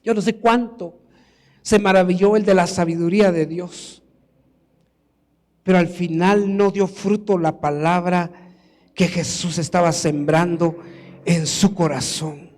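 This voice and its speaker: High-voiced preacher, slow delivery. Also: male voice, steady tone, darkish tone, big-room sound. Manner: emphatic, rises to exclamations and acted quotes. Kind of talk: sermon. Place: church.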